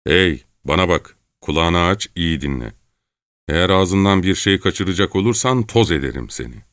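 A man doing a gruff menacing vagabond. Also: deep voice, animated, moderate pace, fairly bright tone, dry recording, studio quality. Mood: threatening. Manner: harsh, threatening, gruff. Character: rough menacing male vagabond, smuggler.

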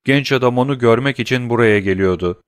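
A man voicing a humble, eager male prison doorkeeper in a storybook reading, speaking in a deferential, excited way. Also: mid-range voice, a little fast, smooth, no room sound, clean studio sound, lightly acted.

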